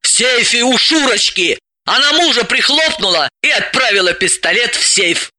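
A man's voice: extremely high pitch, animated, moderate pace, pushed and bright, dry recording, pitched above the performer's own voice, full character voice. A man reading an audiobook, voicing a bossy, sardonic woman psychoanalyst who gives orders and mocks. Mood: triumphant.

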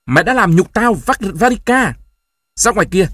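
A hoarse, hot-tempered old grandfather, put on by a male audiobook narrator, shouting in sudden bursts of rage and then turning bitter and tearful. His voice swings widely in pitch and rises sharply when he yells. The storybook recording is close and dry. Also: big pitch swings, normal speed, no room sound. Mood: enraged.

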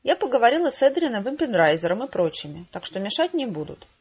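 A woman reading an audiobook who voices a brisk, chummy female PR agent with breezy, theatrical, playfully condescending talk. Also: a little high, big pitch swings, darkish tone, slightly rough, dull audio, voice pushed up.

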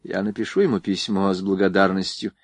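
A man's voice: low-pitched, little pitch movement, brisk, no echo. A man voicing a proper, mildly stern mother. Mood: gentle, stern. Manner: gentle but reproachful.

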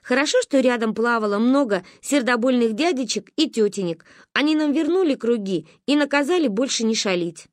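A woman narrating a humorous story as an audiobook, with lively storytelling. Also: on the high side, fairly quick, hardly any pauses, no echo, studio quality. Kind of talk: expressive audiobook reading.

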